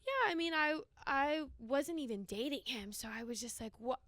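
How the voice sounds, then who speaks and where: A young woman from Hawaii, a singer guest on a podcast, telling stories in a relaxed way with lots of "like.". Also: high voice, normal speed, dry recording. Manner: relaxed storytelling, frequent likes and laughs. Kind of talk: casual chat.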